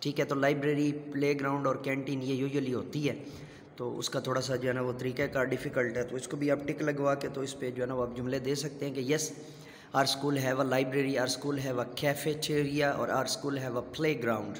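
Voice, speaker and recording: A middle-aged male teacher slowly explains a kindergarten English textbook, switching between two languages, using many fillers and spelling words out letter by letter. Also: mid-range voice, flat delivery, a little hiss or hum. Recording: echoey room with long reverb.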